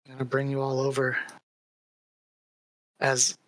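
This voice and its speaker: Low-voiced woman narrating as dungeon master. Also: completely flat delivery, takes it slowly, no echo, low-quality recording. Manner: casual, filler-laden narration. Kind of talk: narrating a tabletop game.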